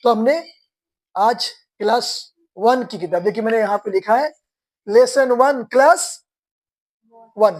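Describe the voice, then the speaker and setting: A woman teaching beginners to read, spelling words slowly syllable by syllable and quizzing her students. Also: on the high side, a little mellow. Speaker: Quran reading teacher.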